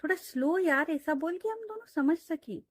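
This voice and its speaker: A woman's voice: very high voice, expressive, moderate pace, no echo, studio quality, pitched above the performer's own voice. A woman voicing a teasing, outspoken young female friend as she reads a story aloud. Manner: bantering, bossy.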